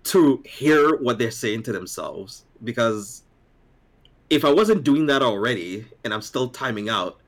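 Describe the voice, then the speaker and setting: A man's voice: medium pitch, animated, measured pace, a bit bright. A man co-hosting a podcast about a card game, talking casually with frequent fillers and restarts, and slipping into mock-sarcastic asides. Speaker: podcast co-host. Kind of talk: casual chat.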